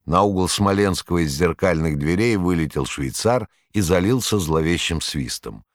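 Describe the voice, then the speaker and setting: A man reading a story aloud with lively, dramatic delivery. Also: low-pitched, moderate pace, no room sound, studio quality. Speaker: narrator. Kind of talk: scripted narration.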